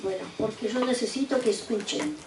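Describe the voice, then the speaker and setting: An elderly woman in her eighties from eastern Poland gives survivor testimony to students as a guest speaker in a university auditorium. Her voice is on the high side and a little mellow, and she speaks slowly and deliberately, restarting repeatedly. The mic is distant, the room echoey, with faint noise.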